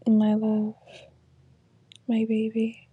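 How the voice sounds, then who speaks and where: A woman in an ASMR role-play as a teasing, affectionate lover, speaking softly and breathily right in the listener's ear. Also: on the high side, completely flat delivery, very slow, no echo, phone-quality sound. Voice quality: breathy, soft-spoken. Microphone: very close, dry microphone.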